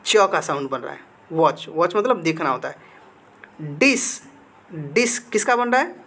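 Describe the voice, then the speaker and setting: A little high-pitched, expressive and unhurried, this male teacher's voice sounds pushed and bright as he runs a grammar lesson with slides. He quizzes students, answers his own questions, and repeats the important terms.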